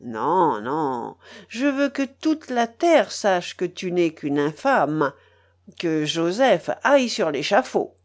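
A woman's voice: lowish voice, sing-song, slow, exaggerated voice. Woman voicing a vengeful sneering pirate. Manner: menacing, sneering, emphatic. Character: vengeful scornful male pirate. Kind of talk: audiobook reading.

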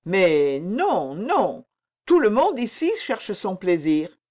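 A woman reading the part of an older queen mother who answers her son calmly and with gentle reproof. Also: medium pitch, slow. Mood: reproving.

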